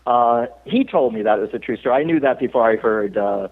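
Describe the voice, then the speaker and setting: A man's voice: mid-range voice, expressive, fairly quick. Chatty man on a tinny phone line. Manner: chatty storyteller, laughs often, many fillers. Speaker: actor guest. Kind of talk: casual interview chat.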